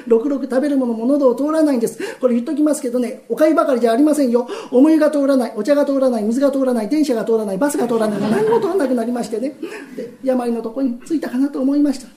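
A man's voice: very high voice, racing, warm tone. A man in a rakugo telling voicing a fawning young brothel attendant who talks in an overly polite, servile way. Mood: fibbing. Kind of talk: rakugo storytelling.

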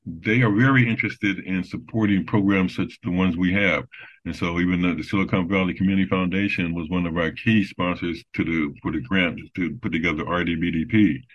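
A man talking as an interview guest, speaking haltingly with many fillers and restarts. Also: deep voice, fairly even intonation, a little hiss or hum. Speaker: business development guest. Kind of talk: casual interview talk. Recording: dull lo-fi sound.

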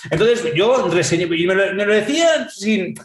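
A man from Spain recounts his travels as an interview guest, in a fairly high voice. He rambles frankly and leans on fillers and tag questions. The room around him sounds noticeably echoey. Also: animated, normal speed. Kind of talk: casual radio interview storytelling.

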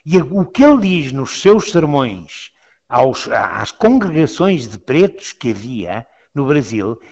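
A man's voice: medium pitch, very animated, slow, darkish tone. A man, a Jesuit priest, talking earnestly in an interview, often repeating words as he goes. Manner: earnest, repeats words, quotes sermons aloud. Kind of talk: conversational interview. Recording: dull lo-fi sound with long reverb.

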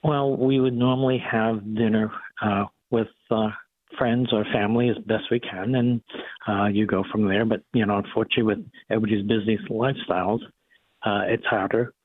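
An older man with a Boston accent, talking casually and modestly as a doctor guest on a radio interview, explaining things in a measured way over a phone line. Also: lowish voice, fairly even intonation, no room sound. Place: phone call into radio show. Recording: thin phone-line sound.

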